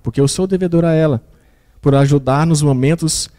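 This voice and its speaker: A man voicing an older wife who speaks softly and forgivingly, in a mellow tone. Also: a little high, brisk, voice pushed up, lightly acted. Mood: gentle forgiving.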